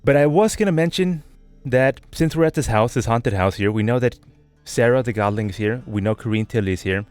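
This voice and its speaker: A young man giving casual commentary on a playthrough, excitable, swearing freely and thinking aloud. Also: mid-range voice, brisk, clean tone, dry recording. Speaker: gamer doing a playthrough. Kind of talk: casual game commentary and reading game text aloud. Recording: voice over faint game music.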